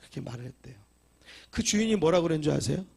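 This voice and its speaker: A man's voice: fairly high pitch, expressive, racing, creaky, a little mellow, husky. A man preaching a sermon as pastor, telling a story with emphatic exhortations. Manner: storytelling with acted quotes.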